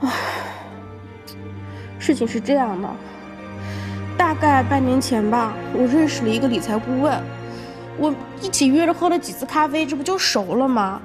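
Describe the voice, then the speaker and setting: An actress playing a volatile woman defendant in a crime drama, defiant and shouting. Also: animated, moderate pace, long pauses, music in the background. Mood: bitter pleading. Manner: shrill, defiant, shouting and sobbing. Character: volatile middle-aged woman defendant, combative.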